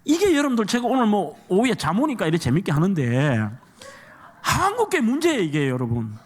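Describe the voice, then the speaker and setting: Animated Gyeongsang man preaching. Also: high voice, a little fast. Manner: humorous, folksy, emphatic preaching. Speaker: guest pastor. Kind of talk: sermon. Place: church.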